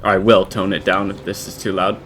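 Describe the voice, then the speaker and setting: An American man giving in-character roleplay commentary while playing a farming game, halting and rambling with many restarts. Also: low-pitched, level tone, fairly bright tone, slight background noise. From United States. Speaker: game roleplayer and channel host.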